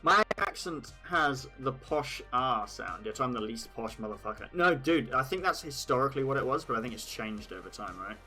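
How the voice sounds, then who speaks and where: Bright-voiced English streamer, chatty. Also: male voice, mid-range voice, animated, moderate pace, few pauses, soft background music, rough recording. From England. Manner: rambling, swearing, laughing at his own jokes. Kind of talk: casual live-stream chat.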